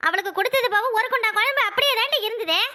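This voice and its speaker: In cartoon voice acting, a woman with a Kanyakumari Tamil accent plays a fiery village housewife who has been robbed. Her extremely high, expressive, exaggerated voice races along as she complains, accuses, and shouts with loud indignation.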